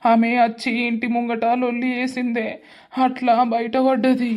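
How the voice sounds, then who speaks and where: A woman's voice: on the high side, completely flat delivery, normal speed, a little mellow, natural voice. Woman voicing a grieving young village lad. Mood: sorrowful. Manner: sorrowful, complaining. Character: young male college student, grieving family trouble. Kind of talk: village cartoon voice acting.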